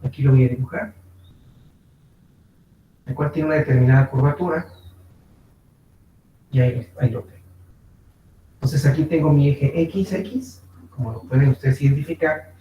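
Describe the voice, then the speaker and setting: A man's voice: medium pitch, normal speed, pauses often, warm tone, dull audio. A man teaching a physics class, explaining step by step with frequent fillers and checking in with his students, with a Mexican Spanish accent. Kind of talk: online class lecture. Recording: echoey room, distant mic, faint noise.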